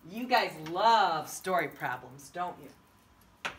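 A woman's voice: fairly low pitch, expressive, takes it slowly. A woman preschool teacher giving a children's math lesson in a broad singsong, asking coaxing questions and counting aloud. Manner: broad singsong delivery aimed at small children.

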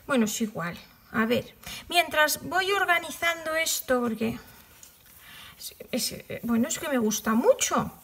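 Chatty high-voiced woman crafting. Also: lively intonation, unhurried, pauses often, fairly bright tone. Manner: chatty, self-mocking, trails off into whispers while working. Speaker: crochet tutorial host. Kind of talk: casual tutorial chat.

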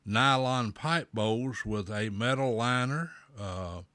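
A man hosting a pipe smoking show, giving slow, folksy advice with a pipe in his mouth. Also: mid-range voice, bright, forceful tone, no echo. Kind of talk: casual talk to camera.

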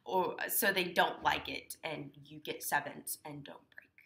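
A woman's voice: low voice, a little slow, vocal fry, sharp tone, reverberant. A teenage girl explaining dramatic interpretation in a casual, chatty way, with lots of ums and likes. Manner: chatty, many fillers like um and like. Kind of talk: casual instructional talk.

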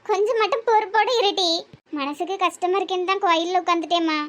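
Very high-pitched Tirunelveli Tamil woman. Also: fast talker. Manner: wailing village-dialect scolding and lament. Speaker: voice actor doing all women in a cartoon. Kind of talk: comic cartoon voice acting.

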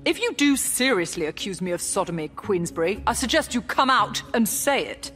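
A woman's voice: mid-range voice, lively intonation, moderate pace, a bit bright, faint music behind, natural voice. A woman voicing a proud, witty male playwright who answers threats with cool, sardonic defiance in a dramatized history podcast. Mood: defiant.

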